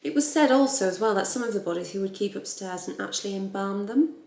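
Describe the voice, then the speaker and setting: A woman telling a true crime story in a blunt, animated, casual way, swearing freely. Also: medium pitch, fast, vocal fry. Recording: roomy echo.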